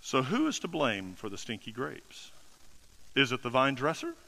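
Bright, lively-voiced preaching man. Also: mid-range voice, normal speed, vocal fry, long reverb tail, low-quality recording. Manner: emphatic preaching with rhetorical questions and humor. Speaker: pastor. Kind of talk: sermon.

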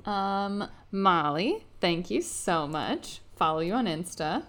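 A woman co-hosting a podcast in easy, casual chat, quick to agree and to laugh. Her voice sits fairly low but swings widely in pitch, so it sounds animated. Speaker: podcast co-host.

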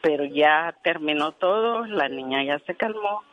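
A woman's voice: deep voice, expressive, measured pace, highs cut off. A woman, a former hospital nurse, telling a story on a radio talk show in an earnest, vivid way and acting out the dialogue. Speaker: retired hospital nurse guest.

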